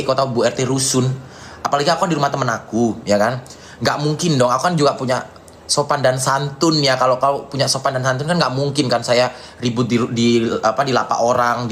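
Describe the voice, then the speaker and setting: An Indonesian man, streaming live, goes on a mocking, repetitive tirade against someone, answering viewers' comments along the way and padding his pauses with "ya." His pitch is medium and his tone steady and slightly bright, with some hiss or hum audible.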